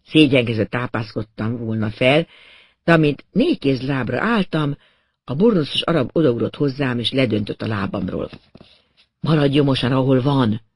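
A man narrating a first-person story in a steady, wry way. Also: mid-range voice, breathy edge, no room sound.

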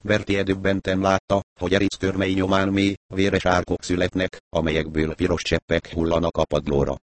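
A man narrates an audiobook in a steady, even way. His voice sits very low, and the recording is dry and close. The storytelling stays calm and measured. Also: dry recording. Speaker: audiobook reader. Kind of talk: scripted narration.

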